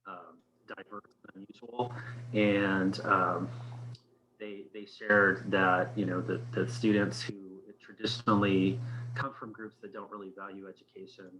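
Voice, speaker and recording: A man giving a school administrator's report in an online meeting over a headset microphone, his audio cutting in and out as he talks in halting, restarting phrases. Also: low-pitched, little pitch movement, noisy background. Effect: audio cutting in and out with dropouts. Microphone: headset microphone on a computer call.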